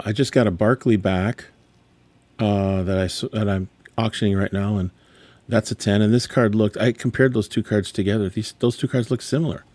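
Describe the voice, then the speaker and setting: Exasperated man rambling in a low, dark voice. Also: no echo. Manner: rambling, exasperated, self-correcting. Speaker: sports card dealer. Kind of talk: casual card grading reveal vlog.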